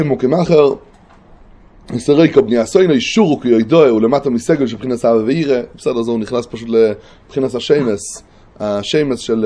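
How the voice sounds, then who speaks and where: Mellow-voiced man teaching a text lesson. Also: medium pitch. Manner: explains step by step, checks in with listeners; thinks aloud, pauses to recall terms. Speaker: religious teacher.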